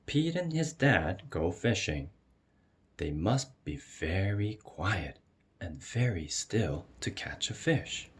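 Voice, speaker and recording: A man reading a children's picture book aloud as an expressive storyteller. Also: low voice, a little hiss or hum. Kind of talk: expressive read-aloud narration.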